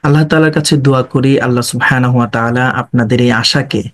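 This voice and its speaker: A man teaching an online Quran reading class, greeting students with blessings and drilling Arabic letters slowly and repeatedly. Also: mid-range voice, steady tone. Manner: slow, drawn-out letter drills.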